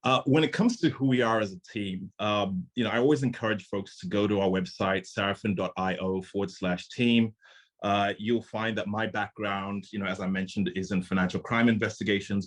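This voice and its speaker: A man from Zimbabwe, a startup founder and CEO, giving an earnest, conversational conference presentation over a video call. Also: fairly low pitch.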